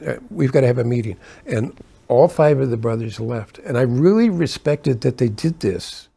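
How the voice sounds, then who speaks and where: Gravelly older man telling road stories. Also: medium pitch, warm tone. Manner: rambling, self-correcting, chuckles between asides. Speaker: keyboard player telling tour stories. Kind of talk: casual anecdotal storytelling.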